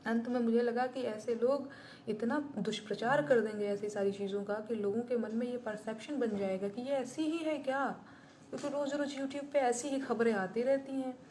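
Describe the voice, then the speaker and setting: A woman's voice: on the high side, fairly even intonation, moderate pace, darkish tone, a little hiss or hum. A woman singer-songwriter talking bluntly and indignantly to her viewers on a live stream. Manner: blunt and indignant, plain-spoken.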